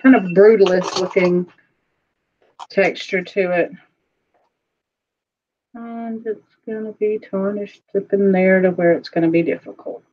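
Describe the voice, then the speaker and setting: A woman's voice: medium pitch, fairly even intonation, a little mellow. Chatty woman on a muffled stream. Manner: chatty, rambling, quick to laugh. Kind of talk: casual live-stream chat.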